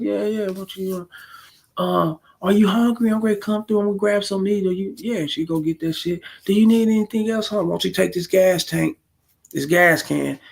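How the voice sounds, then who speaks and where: Gravelly dude in his 40s, cussing and rambling on his stream, kinda high voice. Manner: blunt, profane, rambling street talk. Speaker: streamer reacting to a video. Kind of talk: casual streamed commentary.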